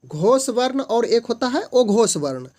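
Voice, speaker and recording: Slow, patient grammar tutor. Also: medium pitch, very animated, dark tone. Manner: slowly sounds out single letters and syllables; patient, repeats definitions step by step. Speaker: online tutor. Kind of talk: explaining multiple-choice grammar questions.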